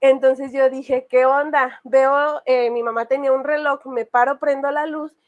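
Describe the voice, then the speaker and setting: A woman's voice: sits high, steady tone, moderate pace, narrow, tinny audio. A woman casually telling a personal horror story, rambling with many fillers. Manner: rambling, full of fillers and restarts.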